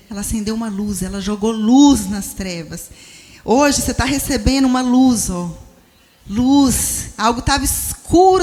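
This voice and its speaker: A Brazilian woman pastor preaching a sermon at a women's conference, expressive and animated, acting out quoted voices. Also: on the high side. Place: church conference stage.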